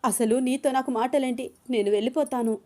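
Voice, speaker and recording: Anu is a young woman, hurt and defiant, her voice set high and strained. Her tearful replies turn into loud, angry shouting. A woman narrator voices her in an audio story. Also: fairly even intonation, a little fast, natural voice. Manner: tearful then shouting angrily.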